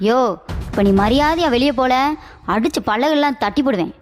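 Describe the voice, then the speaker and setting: A high-pitched cartoon wife, as a man puts her on, sharp-tongued and scolding. She comes from a comic cartoon, with strong music behind her. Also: fairly quick, close to an everyday voice. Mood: angry.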